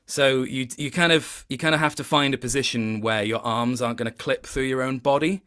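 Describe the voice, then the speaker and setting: Speaking a little fast in a clean, slightly bright, medium-pitched voice, a man chats as an interview guest. He comes across as a working actor talking shop, reflective and mildly self-deprecating as he works his way through each point.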